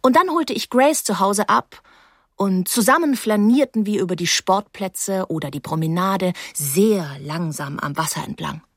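Husky-voiced woman reading a novel. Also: mid-range voice, a little slow, no echo, studio quality. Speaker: audiobook narrator. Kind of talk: first-person novel reading.

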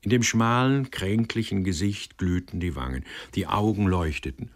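A man's voice: sits low, moderate pace. A man reading a story aloud as narrator, telling it expressively. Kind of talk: audiobook narration.

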